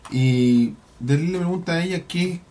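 A man's voice: on the high side, moderate pace, warm tone, slight background noise. A man with a Chilean accent hosting a podcast, recapping an episode in a rambling, slangy casual chat. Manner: slangy, rambling, full of colloquial swearing. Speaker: podcast host.

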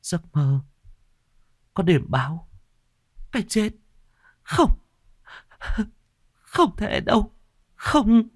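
A man's voice: mid-range voice, expressive, normal speed, a little mellow, dry recording, studio quality, voice pushed up, natural voice. A man voicing a terrified young woman who stammers in broken phrases while sobbing, in a told ghost story.

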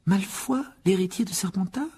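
A man with a raspy voice reading a storybook, raising his pitch well up to voice an earnest, bookish young schoolgirl who speaks carefully and insistently. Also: expressive, fast, mellow. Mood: sceptical.

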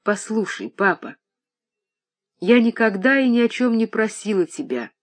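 A reader voicing a young daughter in an audiobook, speaking quietly, tenderly and firmly. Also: mid-range voice, measured pace, natural voice. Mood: pleading. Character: young daughter, calm, gentle and resolute. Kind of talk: audiobook reading.

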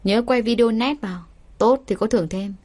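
A woman's voice: a little high, normal speed, darkish tone, close to an everyday voice. Woman voicing a scheming young man, curt and businesslike.

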